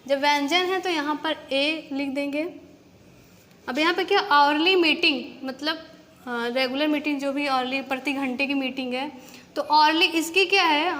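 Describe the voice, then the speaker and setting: A woman's voice: high voice, unhurried, a bit bright, big-room sound. A woman teaching an English grammar lesson, asking rhetorical questions and answering them herself. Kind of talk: classroom-style grammar lesson.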